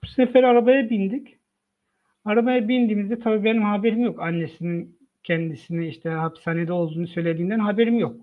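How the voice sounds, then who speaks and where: High-voiced man on a tinny line. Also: steady tone, fast talker. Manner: retells events by quoting dialogue, frequent "dedim" and "dedi" tags. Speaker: father of the child. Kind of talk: emotional personal testimony. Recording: tinny phone-like line from a live online broadcast.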